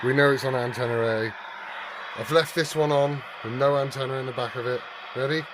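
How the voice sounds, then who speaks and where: A hobbyist video host with a medium-pitched, fairly even voice talks a little fast against background noise. In his casual repair vlog he works with his hands, swears, and mutters to himself.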